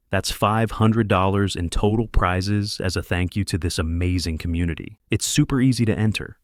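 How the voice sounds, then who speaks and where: A man giving scripted narration in an even, measured storytelling delivery. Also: low voice, no echo, studio quality.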